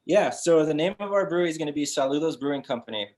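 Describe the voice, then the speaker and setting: A man, a brewery founder chatting as a guest on an interview show, relaxed and full of fillers and restarts. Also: fairly high pitch, very fast. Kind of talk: casual interview chat.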